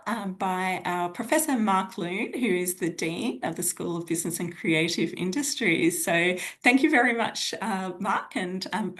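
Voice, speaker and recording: A woman presenting university program details in a webinar, halting, with many ums and uhs. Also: mid-range voice.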